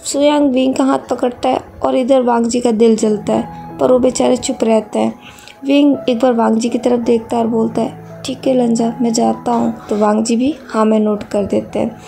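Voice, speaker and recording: A woman reading a fan fiction love story aloud, calm and even, over soft music. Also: on the high side, moderate pace, creaky. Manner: calm, even storytelling with plain character voices.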